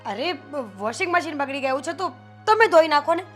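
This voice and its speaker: A young woman playing a defiant, sharp-tongued wife who refuses and mocks. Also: high voice, animated, brisk, soft background music. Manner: sarcastic, refusing, tart.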